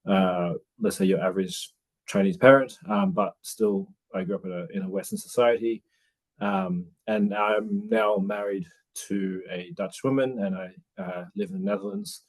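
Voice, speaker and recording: A man's voice: on the low side, moderate pace. A man in his forties from Australia, talking through his thoughts in a casual interview, hesitant, with many restarts and fillers. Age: 40s. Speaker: interview guest, new father.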